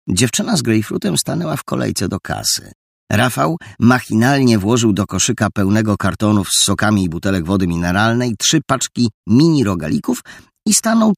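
Man reading a novel out loud, gravelly husky voice, dry close sound. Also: on the low side, dry recording. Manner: expressive, lively storytelling. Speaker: narrator. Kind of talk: audiobook narration.

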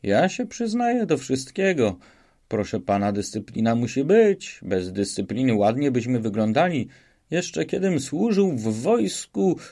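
A man's voice: medium pitch, very animated, a little slow, warm tone. A man voicing a naive, cheerful soldier who talks earnestly and rambles politely in an audiobook. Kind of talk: audiobook reading.

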